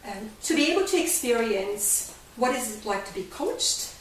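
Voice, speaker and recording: Appearing as a guest in a candid interview, an older Hungarian-accented life coach talks earnestly in a slightly high, sing-song voice at a moderate pace. Faint hiss and an echoey room come through, as the microphone sits far away.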